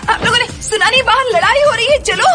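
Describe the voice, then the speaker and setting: An excitable young woman who bosses the younger ones around. Her voice is very high. Music runs under her lines. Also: fast. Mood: excited. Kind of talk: Urdu dub of a TV drama.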